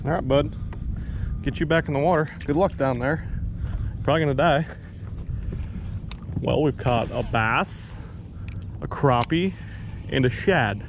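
A man's voice: mid-range voice, measured pace, gravelly, pauses often, noisy background. Man, thirties, fishing vlogger, self-mocking, action-camera sound outdoors, light water ambience. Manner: chatty, talks to his dog, self-mocking. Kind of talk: casual running commentary. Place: outdoors on a bass boat on a lake. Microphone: action camera on the boat.

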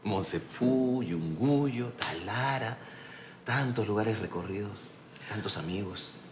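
A man's voice: fairly low pitch, slow. A male actor with a Peruvian accent, perhaps in his forties, playing a nostalgic, flirtatious man on a date in a telenovela. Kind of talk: telenovela acting. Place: bar. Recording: roomy, with clear ambient noise.

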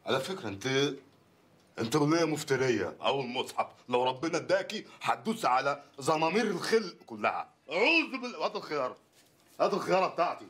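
An actor playing a poor, bumbling loudmouth lawyer husband in a comedy film, ranting and sarcastic in an Egyptian accent. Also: male voice, on the high side, big pitch swings, fast, husky, full character voice. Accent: Egyptian Arabic. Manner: ranting, sarcastic, wildly swinging delivery.

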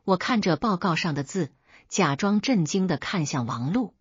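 A woman narrates a dramatic first-person family story in steady, measured tones. Her voice sits low and has a husky edge. The recording is dry and a little dull, without much room sound. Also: dry recording.

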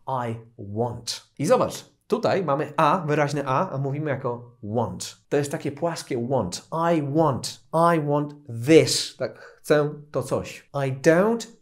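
A man teaching English pronunciation in a casual spoken lesson, explaining patiently and repeating example phrases slowly. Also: medium pitch.

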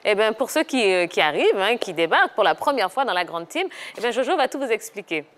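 A woman hosting a football talk show in a lively, teasing way. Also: mid-range voice, fast talker. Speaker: host.

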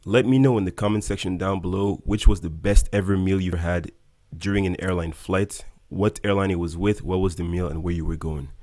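A young airline pilot who hosts videos reads a scripted voice-over to his viewers, upbeat and explanatory. He has a low voice with fairly even intonation, talks briskly with few pauses, and loud music plays behind him.

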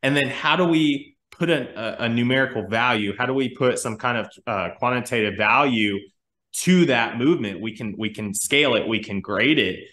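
On a video call picked up by a webcam, a strength coach and podcast co-host in his thirties explains training ideas in casual talk. He's thoughtful but restarts often and uses many fillers, speaking at a moderate pace in a medium-pitched, somewhat bright voice in an echoey room.

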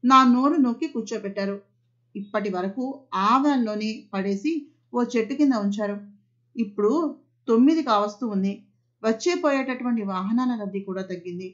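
A woman's voice: mid-range voice, moderate pace, lightly acted. A woman voicing a frightened young woman who has just been rescued, telling her story earnestly. The recording is a little muffled. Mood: shaken. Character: young woman, frightened kidnap survivor, devout. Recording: slightly muffled audio.

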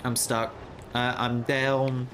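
A man streaming video games, giving casual commentary in an excitable, jokey way and often breaking into laughter. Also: medium pitch, slow, background noise.

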